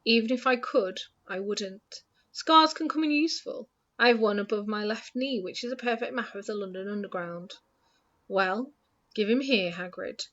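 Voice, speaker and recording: A woman voicing a wise old male wizard headmaster who speaks in a calm, measured and gently wry way, in a dull lo-fi recording. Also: mid-range voice, close to an everyday voice.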